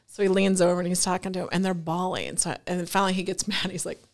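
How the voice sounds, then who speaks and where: A middle-aged woman telling a personal story in an interview, animated and laughing between quick asides. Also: fairly low pitch. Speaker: guest.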